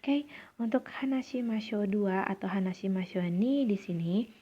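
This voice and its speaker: Woman language teacher with an Indonesian accent, patient and clear, mid-pitched voice, slightly muffled recording. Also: moderate pace, warm tone. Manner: clear, patient explanations with acted dialogue lines. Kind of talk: recorded lesson for students.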